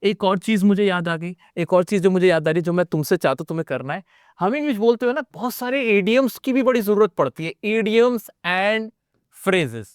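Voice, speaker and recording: An energetic Indian-accented instructor runs an online English-speaking class, encouraging students directly and repeating lines for emphasis. His slightly high, smooth, crisp voice moves at normal speed, and the close, dry recording carries no room sound.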